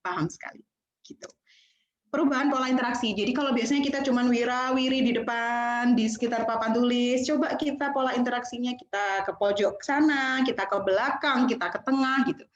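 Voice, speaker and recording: A woman delivers a training lecture over a video call, chatty and animated, slipping into the voices of students and teachers. Her voice sits a little high. The sound is echoey and a bit muffled, as if from a room through a laptop. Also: a little fast. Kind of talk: online lecture. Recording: echoey, dull online call audio.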